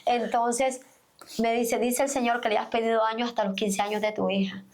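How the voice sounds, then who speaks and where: A woman's voice: a little high, level tone, moderate pace. A middle-aged woman pastor, a podcast guest, telling her personal faith testimony earnestly and acting out the dialogue as she goes. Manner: earnest storytelling, reenacts dialogue.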